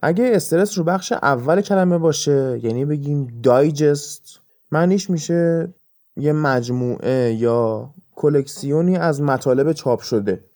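A man's voice: fairly high pitch, darkish tone. A man hosting an educational podcast, patiently explaining things step by step with examples. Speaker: podcast host and English teacher.

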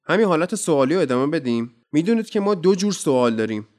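A man teaching English in a casual podcast lesson. He explains in a friendly, chatty way and says each example sentence slowly and deliberately. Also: on the high side, sing-song, a little mellow, soft background music.

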